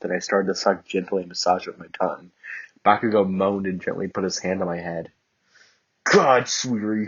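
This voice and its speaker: A man's voice: low-pitched, slightly rough, lo-fi sound. A man reading fan fiction aloud with dry, sarcastic asides.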